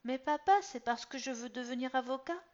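A woman reading a story aloud, voicing an earnest, eager teenage boy with high, insistent and sometimes whiny outbursts. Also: brisk, a little mellow, close to an everyday voice. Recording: slightly dull lo-fi recording.

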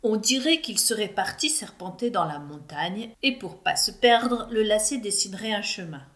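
A woman voices an eager young boy, using a mid-range, fairly bright tone close to her everyday voice. She sounds animated and keeps a moderate pace.

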